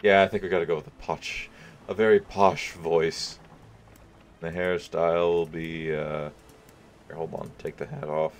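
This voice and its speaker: A man's voice: very deep voice, level tone, normal speed, slight background noise. A man casually commenting on his gameplay, thinking aloud as he picks options and chuckling now and then. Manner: thinking aloud, musing over choices with chuckles. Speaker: gaming video host.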